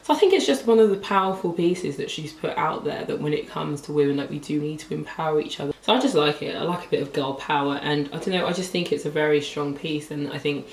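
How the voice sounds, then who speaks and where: Slightly hoarse woman chatting about books. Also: sits low, far from the mic. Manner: chatty, rambling, lots of "like" fillers. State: slightly hoarse, losing her voice. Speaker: book vlogger. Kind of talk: casual book review chat. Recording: roomy echo, voice a bit off-mic.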